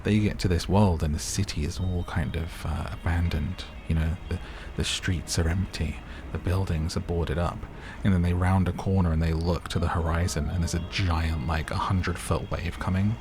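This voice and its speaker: Here the let's-play host talks in a low, fairly even voice at a moderate pace, barely pausing, with music playing behind him. He's a little hoarse, offering casual, meandering gameplay remarks and jokes at his own expense.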